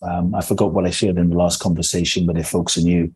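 A man's voice: sits low, flat delivery, fast, a little mellow, breathy edge, no room sound, poor audio. A man from Ghana who grew up in London, a transformational teacher, speaking earnestly and measuredly as a podcast guest with frequent restarts. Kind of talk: reflective podcast storytelling.

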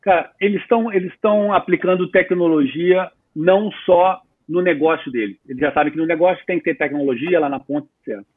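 A man's voice: on the high side, fairly quick, hardly any pauses, no room sound. Talkative man in his fifties on a tinny line. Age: 50s. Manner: animated, talkative, casual slang. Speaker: guest, entrepreneur. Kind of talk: casual interview talk.

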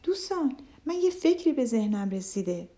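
Woman narrator doing a fretful storybook turtle, earnest, warm-toned. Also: a little high, lightly acted. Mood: eager. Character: anxious, thoughtful pond turtle.

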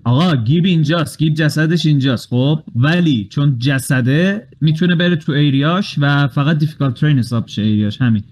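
A man's voice: on the high side, few pauses, a little mellow. Man explaining the rules as game master. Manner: explains rules step by step, mixing in English game terms. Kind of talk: running a tabletop game, casual chat.

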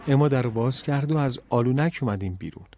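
A man narrating an audiobook story in the first person, in an even, measured way. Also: mid-range voice.

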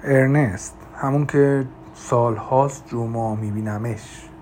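A man voicing a calm, confident woman friend who talks gently and reassuringly in an audiobook. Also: on the high side, slight background noise, natural voice. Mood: gentle.

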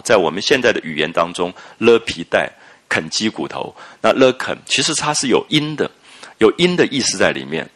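A deep-voiced older man gives a lecture on a classic novel. His very low voice swings up and down in lively sweeps. He speaks in a reflective way, stretching out soft "ah" fillers between his thoughts. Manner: reflective, with many drawn-out "啊" fillers. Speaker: literature lecturer.

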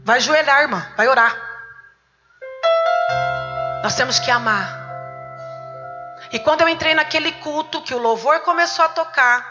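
A woman's voice: sits high, normal speed, pauses often. A middle-aged woman with a Brazilian Portuguese accent giving a church testimony, telling her story vividly, acting out dialogue and exhorting the congregation. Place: church service. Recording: muffled recording with music behind.

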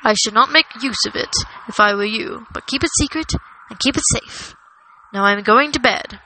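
A woman reading the part of a calm, wise old male wizard, giving measured advice. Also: fairly high pitch, background noise, close to an everyday voice.

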